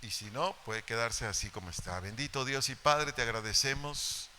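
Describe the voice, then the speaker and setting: A man's voice: mid-range voice, moderate pace, bright, forceful tone, a little hiss or hum. A middle-aged man with a Mexican Spanish accent preaching a sermon to parents in a church, repeating key phrases and Bible references for emphasis. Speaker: pastor. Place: church hall.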